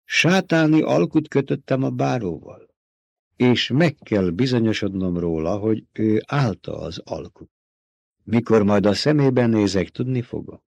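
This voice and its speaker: A man's voice: on the low side, expressive, creaky, no room sound, muffled recording. A man reading an audiobook, voicing an old male doctor turned traitor, feverishly obsessed with revenge, who speaks in an intimate, coaxing way. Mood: intense, confiding.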